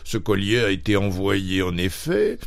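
A man's voice: on the low side, very animated, normal speed, creaky. A man reading a story aloud, voicing a shrewd, suspicious goldsmith who speaks formally and emphatically. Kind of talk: audiobook character voice.

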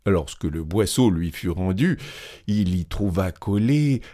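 A man reading a fairy tale aloud, measured and animated. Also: sits low. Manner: slow, measured, animated storytelling. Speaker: narrator.

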